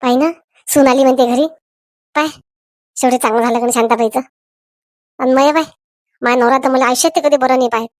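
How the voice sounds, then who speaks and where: A woman's voice: high-pitched, fairly even intonation, a little fast, long pauses, dry recording, clean studio sound, lightly acted. A woman voicing a gossipy, meddling middle-aged village aunt in a cartoon. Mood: grumbling. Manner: nosy, chatty, scolding. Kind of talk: cartoon voice acting.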